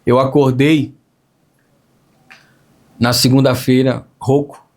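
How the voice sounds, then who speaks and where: A man with a lasting hoarse, raspy voice, earnestly telling an emotional faith testimony and repeating phrases as he recalls it. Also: medium pitch, level tone, slow pace, darkish tone. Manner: earnest, storytelling with repetitions. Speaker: testimony speaker.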